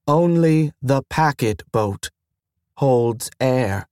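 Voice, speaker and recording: Brief: male reader doing a frightened young station mind; very slow, halting delivery, dry studio sound. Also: mid-range voice, clear, resonant tone, no echo. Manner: slow, oddly spaced words. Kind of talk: audiobook character voice.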